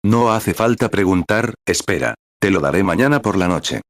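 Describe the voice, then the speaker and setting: Man, sermon reader, very low voice, dry sound, steady measured delivery. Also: no room sound. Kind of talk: read sermon with paragraph numbers.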